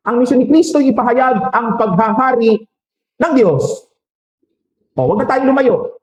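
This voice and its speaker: Filipino priest giving a sermon, high voice, echoey church, joking around with the crowd. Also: male voice, animated, darkish tone, a little hiss or hum. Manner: preaching with rhetorical questions and quick jokes.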